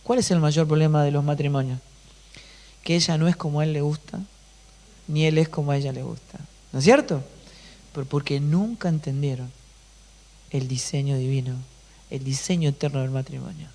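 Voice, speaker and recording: A pastor delivering an emphatic sermon, often putting rhetorical questions to the congregation. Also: male voice, on the high side, steady tone, normal speed, long pauses, darkish tone.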